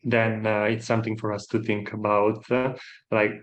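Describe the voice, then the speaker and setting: A man's voice: on the low side, level tone, normal speed. A man moderating a panel discussion, speaking hesitantly with many fillers.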